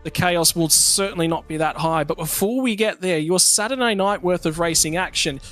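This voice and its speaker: Man, lead race commentator, slightly high voice, brisk results rundown. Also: fairly bright tone, soft background music. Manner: brisk, rattles through results lists. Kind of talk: sim racing broadcast commentary.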